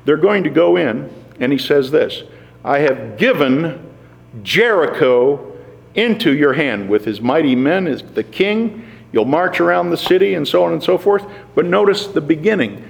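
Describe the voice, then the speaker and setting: Man, preacher, sermon, measured emphasis, gravelly, reverberant sanctuary. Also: on the high side, animated, a little mellow. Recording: long hall reverb.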